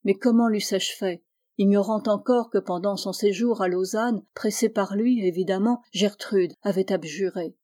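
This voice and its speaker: A woman narrating a literary audiobook in a measured, grave reading voice. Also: medium pitch, warm tone. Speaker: audiobook reader.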